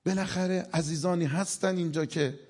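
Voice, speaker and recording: A man's voice: a little high, steady tone, a little mellow, husky. A man giving a humorous religious lecture on stage before a live audience. He tells jokes and stories and acts out the people he quotes. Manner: joking storyteller who acts out quoted people.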